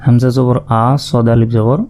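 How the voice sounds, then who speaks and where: A man's voice: mid-range voice, little pitch movement, moderate pace, dark tone. A man teaching Quran recitation in Bengali with a Bangladeshi accent. He spells out letters and vowel marks one by one, then chants the joined word. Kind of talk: slow spelled-out Quran reading lesson.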